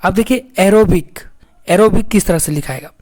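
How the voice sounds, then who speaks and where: A man teaching English pronunciation, slowly spelling out words letter by letter, often repeating himself and calling his viewers friends. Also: high voice, a little mellow. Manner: slow, repetitive, keeps addressing viewers as friends.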